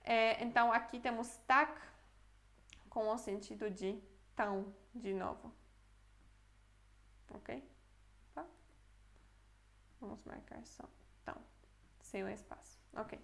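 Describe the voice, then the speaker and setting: A woman's voice: on the high side, steady tone, slow, vocal fry, long pauses, fairly bright tone. A young adult woman teaching a casual online language lesson, explaining step by step and checking in with the viewer often.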